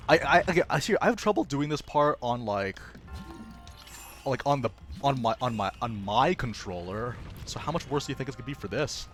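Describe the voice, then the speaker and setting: A man's voice: mid-range voice, animated, brisk, a bit bright, faint music behind. A man streaming himself playing a game live, chatting playfully with his viewers and joking at his own expense. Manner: laughs often. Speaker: gaming livestreamer. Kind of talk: casual live gameplay commentary.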